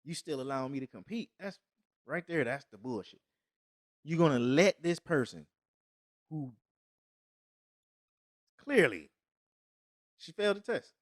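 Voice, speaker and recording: A man's voice: on the high side, lively intonation, unhurried, pauses often, no echo, clean studio sound. A man co-hosting a podcast in casual, profane chat, emphatic and often restarting mid-thought. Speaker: podcast co-host.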